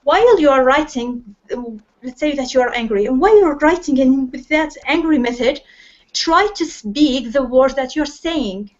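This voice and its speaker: An Iraqi woman teaching an English class online speaks at a moderate pace in a high, animated voice. She sounds hesitant, full of fillers and restarts, and her computer mic on the video call gives lo-fi call audio.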